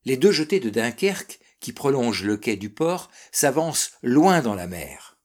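A man narrating a classic seafaring novel as an audiobook, measured and expressive. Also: medium pitch. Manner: measured, expressive reading that darkens and softens in sad passages.

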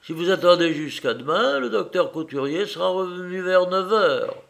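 A man's voice: high voice, lively intonation, normal speed, gravelly, fairly bright tone, pitched above the performer's own voice, exaggerated voice. A man voicing a troubled woman servant who speaks hesitantly. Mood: uneasy.

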